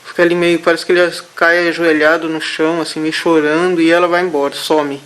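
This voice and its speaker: A man haltingly recounting a vision during a therapy session, with many restarts. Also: a little high, flat delivery, a bit bright, smooth, poor audio. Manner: halting, hesitant, full of restarts. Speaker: therapy client.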